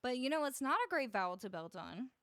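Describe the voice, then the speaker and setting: A chatty woman music streamer talks casually with her live viewers, laughing often and greeting each one by name. Her voice sits a little high and swings widely in pitch. A close studio mic gives a dry, intimate sound with no room echo. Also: big pitch swings, fast, fairly bright tone, smooth. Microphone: studio broadcast microphone, close.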